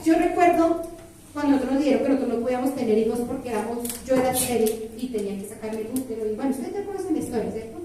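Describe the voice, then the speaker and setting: High-voiced woman preaching in an echoey hall. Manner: lively, playful asides, sings lists. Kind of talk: sermon. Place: church hall. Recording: very echoey hall, far from mic.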